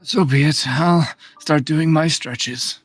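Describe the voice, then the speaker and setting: Male game player, husky and slow, halting deliberate role-play, mid pitch. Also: no room sound, faint music behind. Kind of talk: improvised in-character role-play.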